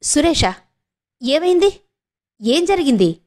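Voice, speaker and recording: A woman's voice: high-pitched, very animated, takes it slowly, darkish tone, pitched above the performer's own voice, heavily acted. A woman voicing a young woman, a firm, protective elder sister who presses with questions. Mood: anxious.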